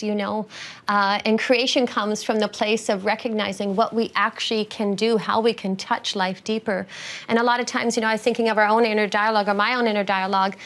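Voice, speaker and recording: A woman giving a reflective inspirational talk in earnest, halting, abstract phrases. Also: mid-range voice, steady tone. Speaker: co-speaker.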